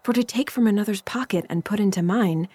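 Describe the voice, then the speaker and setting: A woman playing a sharp young servant boy, mocking his masters in confiding asides, Shakespearean stage style. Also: medium pitch, a little fast, slightly rough, dry recording, lightly acted. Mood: scornful.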